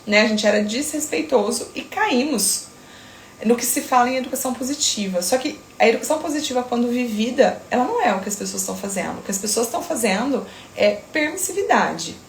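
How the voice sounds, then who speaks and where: Sleep-consultant woman, thirties, firm and emphatic, slightly gravelly, roomy sound. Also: fairly high pitch, expressive, slight background noise. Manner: firm, emphatic, talks in quick asides. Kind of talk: casual talk to camera.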